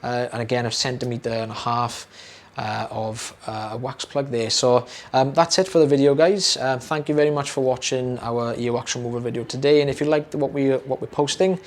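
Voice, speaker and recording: Explaining a procedure on camera, this young British audiologist keeps things casual and chatty, repeating words and using lots of fillers. He speaks at a normal speed in a mid-range, slightly hoarse voice that sounds close to giving out, barely pausing.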